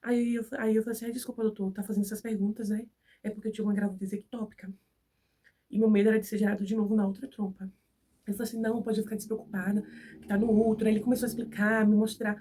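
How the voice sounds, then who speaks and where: Fast-talking Brazilian woman with a cold. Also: mid-range voice, flat delivery, dark tone, recorded from a distance. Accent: Brazilian Portuguese. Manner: chatty, acts out dialogue in the retelling. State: has a cold. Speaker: vlogger. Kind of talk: casual storytelling to viewers.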